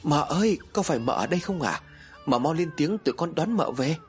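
A man's voice: medium pitch, sing-song, fast talker, faint music behind. A man voicing a flustered young male servant who calls out eagerly. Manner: shouting, flustered.

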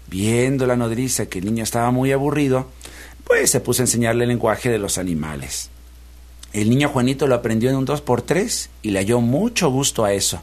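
A man reads an old folk tale aloud in a radio studio. His pitch sits in the middle, and his telling is unhurried and folksy, turned toward the listeners. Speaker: radio storyteller. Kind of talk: storytelling reading aloud.

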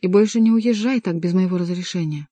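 A woman's voice: lowish voice, brisk, dark tone, no echo, close to an everyday voice. A woman reading a weary, brooding king. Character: anxious, weary male king.

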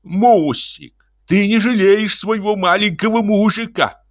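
A man voicing a plump, spoiled middle-aged engineer who calls out in a sing-song baby-talk voice and turns shrill when flustered. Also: measured pace. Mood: cooing, whiny.

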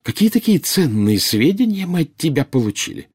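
A man's voice: mid-range voice, very animated, brisk, darkish tone, husky, pitched above the performer's own voice. A man voicing a furious, jealous witch in an audiobook, bursting out in scornful, indignant retorts.

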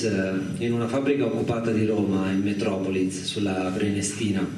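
A man with a lowish, somewhat dark voice talks informally and off the cuff as a visiting documentary filmmaker, pausing and reflecting while he hunts for words. He's at a live radio event in an echoing indoor space, and the recording has room echo, a distant mic, and faint noise.

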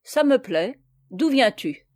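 A woman voicing a hot-tempered, boastful male knight captain in an audiobook, with loud commanding exclamations. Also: a little high, big pitch swings, slow, heavily acted. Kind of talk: audiobook character reading.

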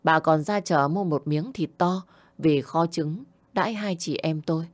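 A woman narrating a first-person story in a steady, measured way. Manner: low, steady narration, voicing the grandmother and herself in emotional dialogue.

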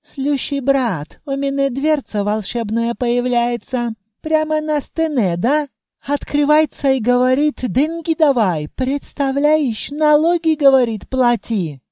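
A reader voicing an effusive, jolly male wizard who runs a kebab house and speaks broken Russian with loud exclamations. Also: sits high, slow, no echo, clean studio sound, voice pushed up. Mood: confiding. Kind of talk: audiobook character voice.

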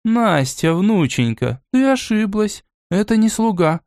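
A stern, aristocratic old grandmother played by a man speaks in a measured, cool, commanding way in this audiobook. Her voice sits a little high. The recording is dry and close. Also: very animated, darkish tone, no echo, heavily acted. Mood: calm.

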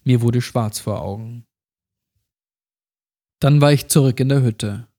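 A man reading a first-person horror story aloud in a measured, grave storytelling tone. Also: mid-range voice, dark tone. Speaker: creepypasta narrator.

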